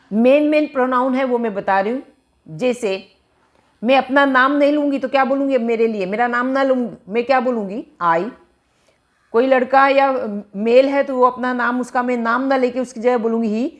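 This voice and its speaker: A woman teaching English grammar in Hindi, explaining each term and checking understanding with repeated questions. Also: a little high. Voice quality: slow, careful reading of English example sentences. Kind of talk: grammar lesson.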